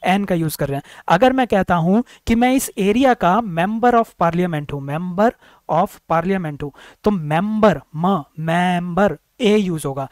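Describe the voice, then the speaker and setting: A man teaching English grammar for exam preparation, repeating words slowly, sounding out each vowel and answering his own questions. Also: sits high, darkish tone, dry recording. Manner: asks questions then answers them himself. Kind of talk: exam-prep grammar lecture.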